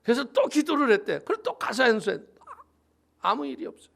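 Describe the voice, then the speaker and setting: A male pastor delivers a sermon as an animated story, acting out the voices of its people. His voice sits high and carries a bright, sharp edge. A gravelly fry runs through it. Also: brisk.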